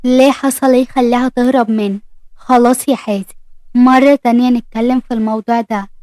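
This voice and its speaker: Woman voicing a calm, curt Egyptian young man. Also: a little high, quick pace, no room sound, close to an everyday voice. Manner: quiet, curt. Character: calm withdrawn young husband.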